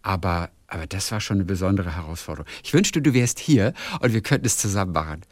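A man co-hosting a casual podcast, telling stories in an animated way and reading out listener messages. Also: low voice, quick pace, no room sound. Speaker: podcast co-host. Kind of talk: casual chat.

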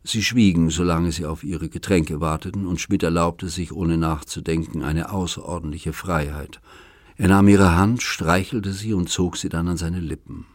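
Deep husky male audiobook narrator. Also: steady tone, moderate pace, no echo, clean studio sound. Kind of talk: audiobook reading.

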